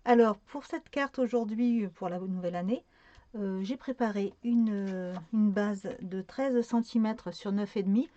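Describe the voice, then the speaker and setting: A woman's voice: mid-range voice, measured pace, mellow, lo-fi sound. A woman talking through a card-making tutorial in a casual, hesitant way, with many fillers and self-corrections.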